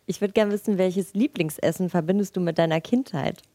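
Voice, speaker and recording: Woman in the audience, low warm voice, plain and friendly. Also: a little fast. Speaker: audience member asking a question.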